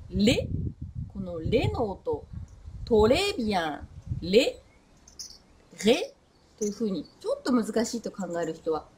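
A woman giving a short French pronunciation lesson, modelling sounds slowly and repeating them with lively emphasis. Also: fairly high pitch, slight background noise. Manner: lively, drawn-out pronunciation demos. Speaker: French teacher.

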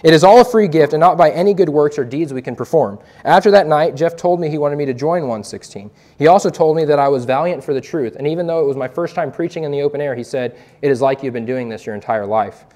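A man's voice: on the high side, fast, few pauses, darkish tone. A young man and evangelist giving an earnest, preacherly testimony to a youth group, quoting scripture as he speaks.

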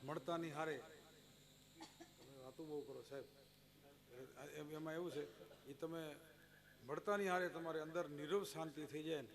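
A man's voice: on the high side, fairly even intonation, moderate pace, pauses often, crowd noise. A man giving a devotional discourse, telling stories with recited verses and quoted voices. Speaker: devotional storyteller. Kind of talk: devotional discourse at a bhajan gathering.

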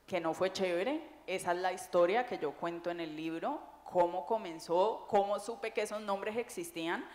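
A woman, an author speaking on a public panel in a lively, joking, conversational way. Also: medium pitch. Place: large echoey library hall. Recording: echoey hall with long reverb.

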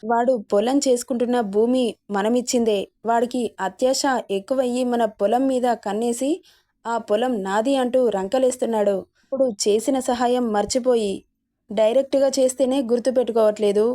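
A woman's voice: on the high side, fairly even intonation, a little fast, warm tone, natural voice. Woman reading as a fierce old grandmother. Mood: bitter. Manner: commanding, threatening. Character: fierce elderly grandmother, proud landowner.

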